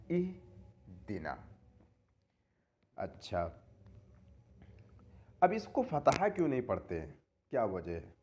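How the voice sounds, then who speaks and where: Male tajweed teacher, animated sing-song delivery, dull lo-fi recording. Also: medium pitch. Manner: asks rhetorical questions and answers them, repeats key terms. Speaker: Quran recitation teacher. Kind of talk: classroom-style lesson explaining tajweed rules.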